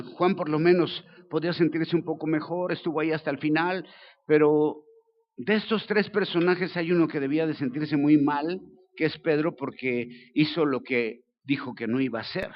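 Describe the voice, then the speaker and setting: Older Mexican pastor, slightly high voice, humorous slangy preacher, muffled lo-fi church recording. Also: male voice, normal speed. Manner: colloquial, joking, lively storytelling. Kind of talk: sermon.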